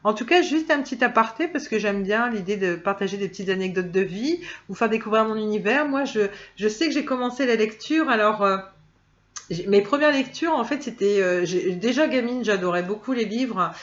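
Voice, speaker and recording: Reading oracle cards in a casual, chatty way, a tarot card reader fills her guidance video with hesitations, fillers and restarts. Her voice sits in the mid-range and moves fairly quickly, and the recording's highs are cut off.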